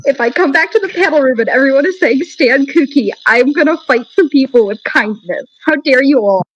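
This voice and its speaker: A woman's voice: high-pitched, animated, fairly quick. A woman speaking casually on a video call as a convention staff head, bubbly and friendly. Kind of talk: casual online call chat. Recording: slightly muffled call audio.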